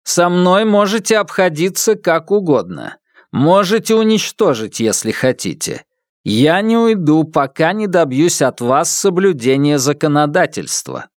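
A man reading an audiobook, voicing a stern male robot teacher with a metallic, lecturing voice, raised higher and louder than his narration. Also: big pitch swings, a little slow, no room sound, studio quality.

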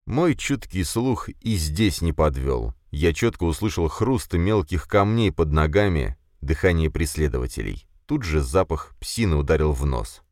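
A man narrating a first-person fantasy audiobook in an expressive reading. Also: a bass voice, a little slow, few pauses, dry recording, studio quality.

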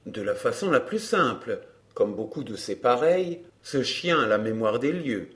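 A composed gentleman lays out his reasoning in an even, measured way, as a man reads him. His voice is mid-pitched for a man. It is read like an audiobook. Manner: measured, explanatory. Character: calm, reasoning young gentleman. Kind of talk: audiobook character reading.

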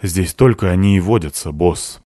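A man's voice: deep voice, normal speed, warm tone, no room sound, studio quality. A man voicing a bitter, sarcastic seventeen-year-old schoolgirl in an audiobook. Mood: sardonic. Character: sullen sharp-tongued teenage girl, seventeen.

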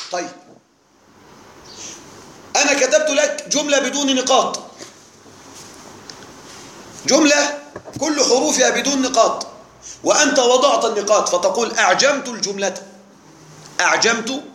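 Man, high voice, grammar teacher, classroom lesson, patient explaining, repeats key words, echoey room. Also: fairly bright tone, a little hiss or hum. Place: classroom with live students.

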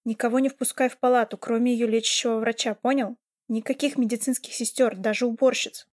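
A woman voicing a cold, domineering young man who gives orders calmly and firmly. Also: fairly high pitch, brisk, no room sound, studio quality, close to an everyday voice. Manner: calm, cold and commanding.

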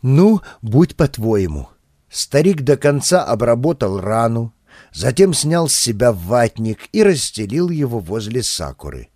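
A man narrating an audiobook in a steady, expressive voice, close to the mic. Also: medium pitch, a little slow, no echo. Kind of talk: scripted narration.

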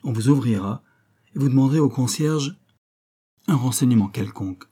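A man's voice: medium pitch, moderate pace, mellow, slightly rough. A man voicing a resolute, scheming young painter who speaks firmly and urgently, in an audiobook. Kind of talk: audiobook character voice.

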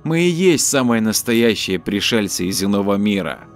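A man's voice: on the low side, sing-song, moderate pace, soft background music. A man voicing a practical, self-assured young woman who turns snappish when irritated. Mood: tired. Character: young woman time traveller, sharp and practical.

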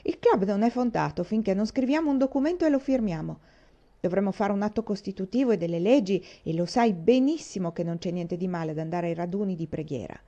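Woman doing a bossy boy laying down rules, firm and lecturing, mellow voice, slightly dull audio. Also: medium pitch, lively intonation, fairly quick. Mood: protesting. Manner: authoritative, lecturing. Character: bossy young boy, eager club leader.

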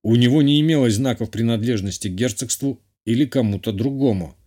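A man voicing a loyal male bodyguard in his thirties, who speaks in a slow and deferential way in an audiobook. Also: medium pitch, dark tone, close to an everyday voice. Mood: reporting.

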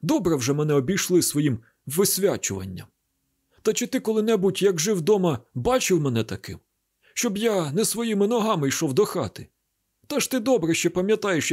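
A bitter old village father rails at the world in a slightly high, husky voice, played by a man. He is grieving and reproachful, a weathered cattle healer in an audiobook drama. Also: a little mellow.

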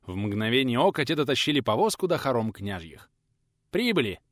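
A man narrating an audiobook with expressive storytelling. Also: medium pitch, a little fast, no echo. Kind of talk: scripted narration.

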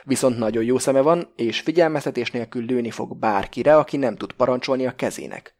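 A man's voice: mid-range voice, darkish tone, lightly acted. A man voicing a male hijacker who speaks with refined upper-class diction and a mocking edge, in an audiobook. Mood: commanding.

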